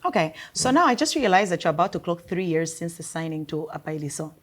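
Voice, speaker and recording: A woman's voice: lowish voice, big pitch swings. A Zambian woman hosting a talk show, asking questions in a conversational way with a Zambian accent. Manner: quick, conversational, lots of backchannel. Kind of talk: interview questions.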